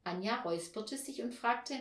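A woman reading a children's story aloud in an expressive storytelling manner, recorded in an echoey room. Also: a little high, normal speed. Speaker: reader.

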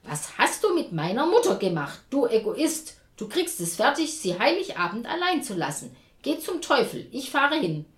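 A woman voicing a panicky, hot-tempered grown daughter who talks in a shrill, agitated way. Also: sing-song, moderate pace, few pauses. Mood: furious. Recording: roomy echo.

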